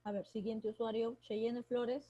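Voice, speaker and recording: A woman's voice: on the high side, little pitch movement, a little slow, no room sound, muffled recording. A woman teacher running an online class for young secondary pupils, calling on students by name and asking and answering her own questions as she explains grammar. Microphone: computer mic on a video call.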